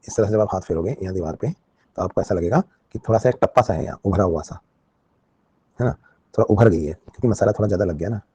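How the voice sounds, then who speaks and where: Fast-talking male teacher, husky and dark. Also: low voice. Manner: explains with everyday examples and frequent check-in questions. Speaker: biology teacher. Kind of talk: live online class lecture.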